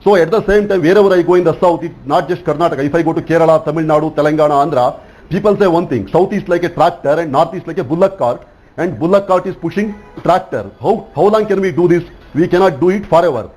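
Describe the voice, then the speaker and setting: A man from South India argues his case as a journalist on a televised news panel. He talks fast, in a husky voice pitched a little high, and pushes his points insistently. He keeps tagging them with "okay?". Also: darkish tone, poor audio. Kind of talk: TV news debate.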